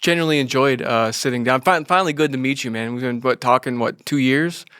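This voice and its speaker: A man interviewing a guest in a relaxed, agreeable way, often saying "yeah" and "man". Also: medium pitch, quick pace, clean tone, dry recording, studio quality. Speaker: interviewer and channel host. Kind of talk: casual interview.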